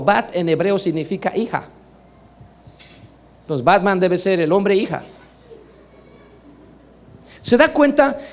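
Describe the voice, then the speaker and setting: High-voiced preacher man, emphatic. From Latin America. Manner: emphatic, asks the congregation for agreement; swings between low asides and loud exclamations. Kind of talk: sermon.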